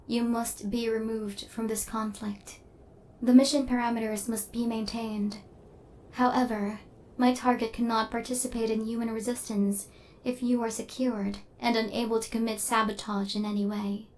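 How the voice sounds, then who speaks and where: Here a woman voices a female robot hunter in an intimate ASMR roleplay, speaking at normal speed in a natural, fairly high, very level voice, though the audio quality is poor. Her wording is formal, clipped and machine-like, delivered deadpan, and the character is coldly logical yet possessive and tender toward her human target. Her mood is resolute.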